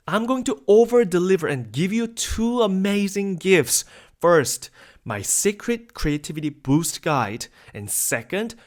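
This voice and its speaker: The speaker, a South Korean webinar host in his thirties, works through an energetic, persuasive scripted pitch to sell something.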